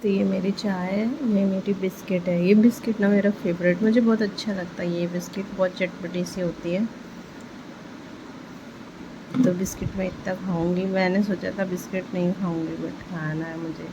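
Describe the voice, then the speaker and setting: A young woman chatting casually at home in a vlog, talking slowly and softly as she wakes up. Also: fairly low pitch, lo-fi sound. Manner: sleepy, slow and soft-spoken. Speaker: vlogger. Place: dim home at morning. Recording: steady background noise. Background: rain.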